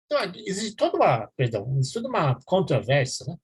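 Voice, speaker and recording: A university professor lectures quickly, explaining step by step and checking in with his students often. His fairly high voice has a breathy edge and swoops wildly in pitch.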